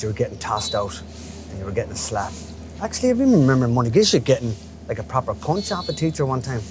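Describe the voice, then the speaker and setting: His voice is medium in pitch with a darkish tone: a Galway window cleaner in his fifties, reminiscing chattily for an interview. He keeps it colloquial, leaning on "you know," while traffic and street noise fill the recording.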